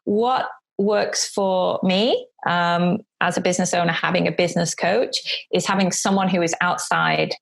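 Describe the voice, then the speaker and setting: A woman's voice: lowish voice, a little slow, vocal fry. A woman, answering interview questions chattily with frequent ums and self-corrections. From England. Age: 40s. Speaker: guest, coach and author.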